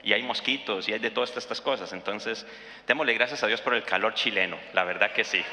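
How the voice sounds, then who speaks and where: A man's voice: fairly low pitch, a little fast, sharp tone, roomy sound, big-room sound. A man, preaching conversationally and telling a family story, with fillers and tag questions. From Costa Rica. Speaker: pastor. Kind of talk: sermon with personal story.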